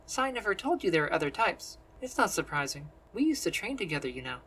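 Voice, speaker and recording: A man voicing a sharp, scornful woman who leads a group of sorcery practitioners, speaking in clipped, dismissive retorts in an audiobook reading. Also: high voice, sing-song, fast talker, a little hiss or hum, voice pushed up, exaggerated voice, low-quality recording.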